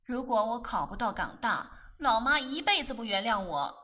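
A woman's voice: fairly high pitch, sing-song, normal speed, pushed and bright, far from the mic, exaggerated voice. A woman voicing a cold, impatient sixteen-year-old girl in curt, indignant audiobook lines. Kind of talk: audiobook character voice.

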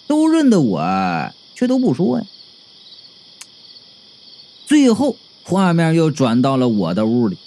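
A man narrating a comic first-person audiobook in a chatty, playful way. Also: fairly high pitch. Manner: chatty, playful, with sudden lively swoops.

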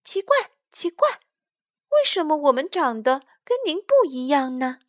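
A woman voicing a chorus of small, eager tadpole children in a storybook reading, with a high, pleading tone. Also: very animated, measured pace.

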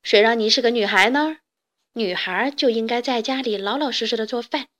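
A woman voicing boastful big brother fox cubs in a children's audiobook, with a sneering, loud, teasing manner. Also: on the high side, brisk, lightly acted. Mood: mocking.

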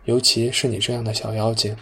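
A man reading the lines of a doting, affectionate older man in an audiobook, in a gentle tone. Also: on the low side, flat delivery, a little fast, slight background noise.

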